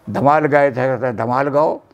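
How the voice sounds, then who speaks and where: A man, a guest folk music expert, explaining Holi folk songs in an interview in quick, flowing speech. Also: mid-range voice, dull audio.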